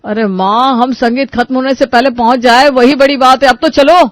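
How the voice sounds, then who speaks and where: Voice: high-pitched, steady tone, no echo, lightly acted. A performer voicing an impatient young adult son in a cartoon story, talking in a hurry. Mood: hurried. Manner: hurried, pleading.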